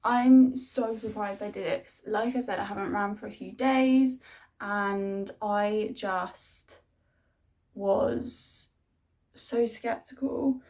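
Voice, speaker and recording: A woman's voice: medium pitch, fairly even intonation, slow pace, a little mellow. A young adult woman talking casually to her video diary as a fitness vlogger, rambling informally and saying "like" and "honestly" a lot.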